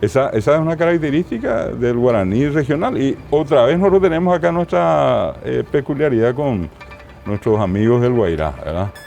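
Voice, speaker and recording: A man with a Paraguayan Spanish accent, a linguist guest explaining place names in an interview, didactic and slow on each word. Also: medium pitch, lively intonation, gravelly, a little mellow, faint music behind.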